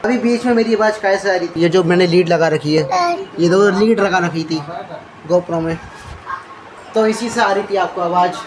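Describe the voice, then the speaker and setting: A man's voice: high voice, normal speed. A man vlogging casually into a handheld phone at home and up on a rooftop. He rambles, repeats words and restarts his sentences as he chats. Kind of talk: casual vlog chat. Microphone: handheld phone camera. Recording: noisy outdoor ambience.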